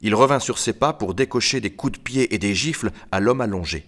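A man reading a novel aloud as narrator, steady and even in his storytelling. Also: on the low side, fairly quick. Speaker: audiobook narrator.

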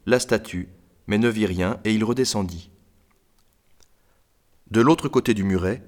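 Give me a man with a slightly low voice narrating a novel steadily. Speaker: audiobook narrator.

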